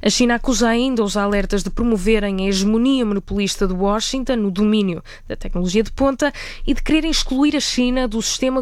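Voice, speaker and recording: A woman with a European Portuguese accent reads a scripted radio news report. She keeps a steady, measured delivery. Her voice is smooth and sits dry and close to the mic. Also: mid-range voice, no room sound.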